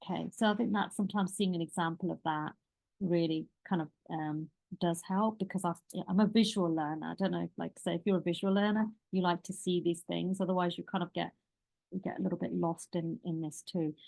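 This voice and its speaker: A woman's voice: fairly low pitch, a little fast, vocal fry, a little mellow. A woman leadership coach teaching a live online workshop in a loose, chatty, rambling way that keeps starting over.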